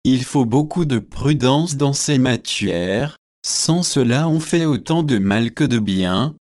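A man voicing a pompous, earnest young male curate, speaking gravely and with self-satisfaction. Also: medium pitch, animated, slow, a little mellow, no echo, clean studio sound.

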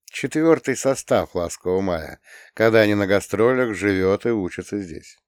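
A man narrates a novel in a low, steady voice. The recording is dry and close, with no room sound. He reads in an even, measured way. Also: no room sound. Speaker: audiobook narrator. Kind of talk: scripted narration.

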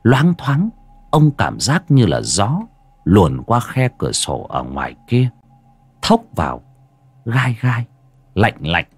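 A man narrating a horror story with dramatic, suspenseful pacing and sharp rises and drops. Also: on the low side, wildly swooping pitch, slow pace, pauses often, breathy edge, no room sound.

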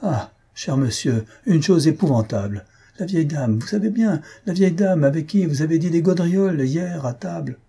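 A man reading aloud and voicing a flustered, excitable middle-aged bourgeois man with high agitated exclamations. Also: normal speed, vocal fry, hardly any pauses, slightly rough, exaggerated voice.

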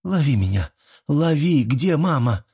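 Audiobook: male reader doing an anxious young woman, raised and pleading, gravelly edge. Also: lowish voice, lively intonation, slow, a little mellow, exaggerated voice. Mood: panicked. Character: frightened young woman, tender and loving. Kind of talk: audiobook character voice.

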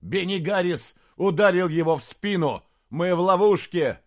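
A man reading an audiobook, voicing a young male knight shouting warnings in the middle of a battle. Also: high voice, animated, normal speed, pitched above the performer's own voice. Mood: urgent.

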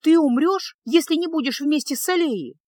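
An impulsive young girl, a maid learning witchcraft, in a fantasy audiobook , voiced by a woman reader. Raised, urgent and emotional, higher than the narration, recorded dry and close. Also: lively intonation, moderate pace, a little mellow, dry recording. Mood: alarmed. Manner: emotional, pleading.

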